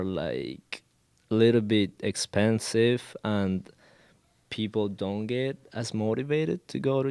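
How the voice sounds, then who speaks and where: A man's voice: on the low side, creaky, darkish tone, clean tone, no echo. A man in his twenties from Colombia, a Spanish speaker using English as a second language, speaking as a guest in a casual interview and hesitating often with fillers and restarts. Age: 20s. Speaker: guest, college student.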